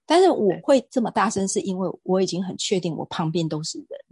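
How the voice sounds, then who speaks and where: A woman's voice: on the low side, big pitch swings, fast, darkish tone, slightly rough, dry recording. A woman, a guest speaking earnestly in a casual interview and telling stories with emphasis and some hesitation. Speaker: guest speaker on sexual assault prevention.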